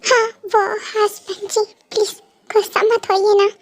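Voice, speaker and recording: Woman doing a scared young wife, teary begging, stammers, super high voice, dry close sound. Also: little pitch movement, measured pace, no room sound. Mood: pleading. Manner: tearful, pleading, stammering. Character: frightened young wife pleading with captor. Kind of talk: amateur fan dub.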